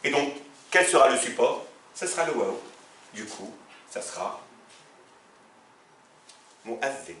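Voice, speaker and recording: A man's voice: mid-range voice, expressive, normal speed, long pauses, a bit bright, slight background noise. A man teaching Arabic in French to a class. He often tells them to look and asks them questions, then answers himself. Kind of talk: classroom lesson explaining grammar. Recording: echoey room, mic far off.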